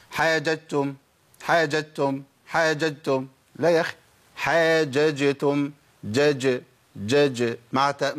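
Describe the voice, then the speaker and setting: Fast, husky Egyptian man teaching. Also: mid-range voice. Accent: Egyptian Arabic. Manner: explains with quick questions and answers, repeats sounds to demonstrate. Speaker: Quran recitation teacher. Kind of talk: tajweed lesson with spoken demonstrations.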